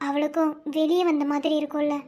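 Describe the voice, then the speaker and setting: A woman voicing a calm young sister-in-law in a cartoon, talking softly and gently reasoning. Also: high-pitched, brisk, noisy background, lightly acted. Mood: gentle.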